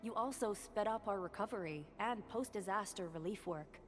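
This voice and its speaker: Lady doing a solicitous formal director in a game, mid pitch, lots of hall reverb. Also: normal speed, soft background music, natural voice. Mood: earnest, grateful. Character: grateful, caring female base director. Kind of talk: video game voice acting.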